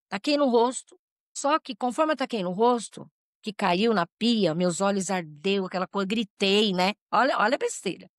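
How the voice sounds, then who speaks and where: A woman's voice: medium pitch, dry recording. A woman recounts her life in an emotional testimony. Her mid-range voice breaks off and restarts as she acts out what others said. The sound is close and dry, with no room around it. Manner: tearful, halting, with restarts and acted quotes. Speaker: interview guest telling her life story.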